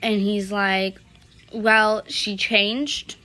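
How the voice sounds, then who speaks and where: Bright-voiced young woman rambling through a story. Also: mid-range voice, little pitch movement, extremely slow. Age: young adult. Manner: rambling, valley-girl fillers, quotes others loosely. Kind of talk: casual storytime narration.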